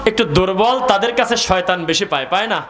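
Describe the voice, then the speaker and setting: A man's voice: sits high, quick pace. A man with a Bangladeshi Bengali accent preaching a sermon to a gathering, asking the crowd questions and reciting Arabic verses. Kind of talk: sermon at an outdoor religious gathering.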